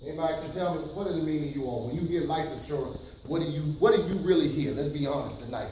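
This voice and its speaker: Talking fast in a fairly high, dark-toned voice, a pastor from New York City hosts a casual church workshop where he stumbles over many ums and keeps quizzing the audience, who call back. The sound comes from far away in an echoey hall, with slight background noise.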